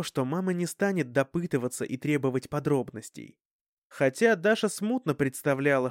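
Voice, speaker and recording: A man narrating an audiobook in an even, steady reading voice on a close microphone. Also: medium pitch, no echo. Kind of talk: scripted narration.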